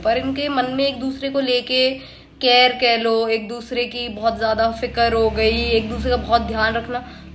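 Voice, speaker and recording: A woman giving a casual, animated drama review, often switching into English and teasing the characters as if talking straight to them. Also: a little high, a little hiss or hum.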